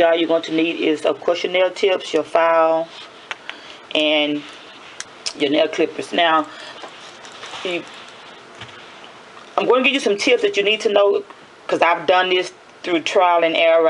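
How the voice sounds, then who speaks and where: A woman with a raspy early-morning voice gives a casual hands-on tutorial, chatty, often repeating and correcting herself. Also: lowish voice, slight background noise, poor audio. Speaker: nail tutorial host.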